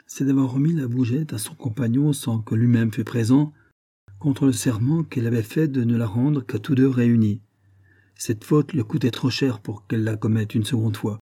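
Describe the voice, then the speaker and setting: Man voicing a saintly priest-judge, composed, assured, dark husky tone, audiobook. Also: medium pitch, natural voice. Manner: composed, assured courtroom pleading.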